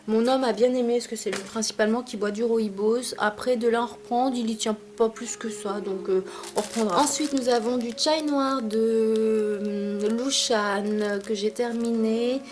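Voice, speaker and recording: A woman's voice: fairly high pitch, steady tone, normal speed, darkish tone, slight background noise. A young adult woman reviewing teas she has finished, chatty, with many fillers and asides. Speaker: tea vlogger. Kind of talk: casual product review.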